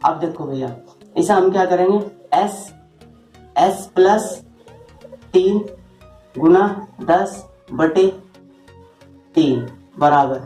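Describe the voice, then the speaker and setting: A man's voice: high-pitched, darkish tone, reverberant. A man teaching a math lesson at a board, talking informally and often asking his students rhetorical questions as he works through each step. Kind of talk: board lesson explaining shortcuts.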